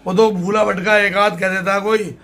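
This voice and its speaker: A man's voice: sits high, little pitch movement, normal speed, fairly bright tone, slight background noise. An older man, a political candidate giving plain-spoken, emphatic interview answers and often repeating himself.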